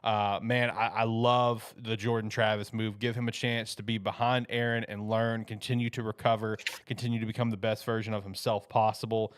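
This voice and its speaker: A man's voice: on the low side, little pitch movement, normal speed, few pauses, clear, resonant tone. A man co-hosting a casual football podcast, enthusiastic and emphatic, often tossing in "man.". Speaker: co-host. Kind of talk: casual sports podcast chat.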